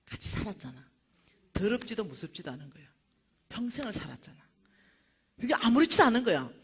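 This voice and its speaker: Middle-aged woman, church lecturer, very lively and swooping delivery, tells stories and acts out voices. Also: mid-range voice, breathy edge. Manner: animated, acts out voices of the people in her stories. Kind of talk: storytelling lecture to a church audience.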